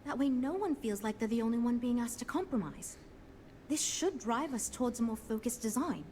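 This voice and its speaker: Game team leader played by a woman: earnest, conciliatory, businesslike, animated delivery, slightly high. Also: a little fast, slight background noise, lightly acted. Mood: earnest, relieved. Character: earnest, diplomatic woman leading a ship design team. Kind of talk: scripted game dialogue.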